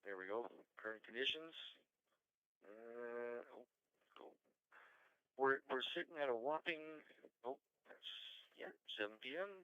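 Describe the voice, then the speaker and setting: A man's voice: mid-range voice, animated, measured pace, long pauses, a bit bright, clear, resonant tone, no echo, rough recording. A man hosting an amateur radio net as controller, informal, folksy and courteous, calling out call signs and check-ins.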